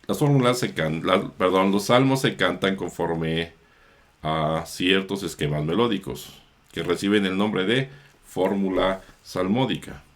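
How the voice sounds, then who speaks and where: Male priest-teacher, low-pitched, measured, unhurried, pausing to correct himself. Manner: slow, measured, with small self-corrections. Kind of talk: explanatory chant lesson.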